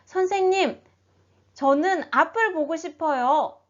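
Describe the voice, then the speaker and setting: A desperate blind beggar man calls out and begs in a high, tearful voice, as a woman puts him on. He sounds very high and strained, and the recording is dull and lo-fi. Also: slow. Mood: eager. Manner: crying out, begging.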